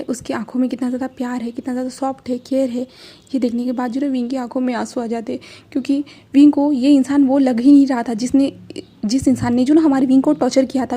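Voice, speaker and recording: A woman's voice: high-pitched, little pitch movement, fast talker, dark tone, slightly rough. A woman casually narrating a fan-fiction story, retelling it with many fillers.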